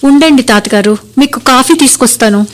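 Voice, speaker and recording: Woman as a shrill, quick young wife. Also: close to an everyday voice. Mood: dutiful. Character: dutiful but tart young wife. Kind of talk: old radio show drama acting.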